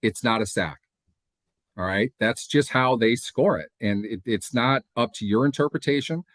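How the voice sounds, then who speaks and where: A man's voice: medium pitch, normal speed, a bit bright, dry recording. A man in his thirties co-hosting a sports podcast over a video call, ranting in an assertive, insistent way. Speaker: podcast co-host. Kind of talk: casual sports podcast chat. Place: home room.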